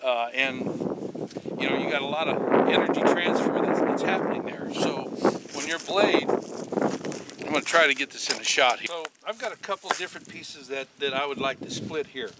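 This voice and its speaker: An older man hosting a casual outdoor bushcraft tutorial, talking in a relaxed, rambling way with many fillers and restarts, filmed outdoors in winter. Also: on the high side, normal speed. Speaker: bushcraft channel host. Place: outdoors in a snowy rural yard in winter. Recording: loud wind and outdoor noise.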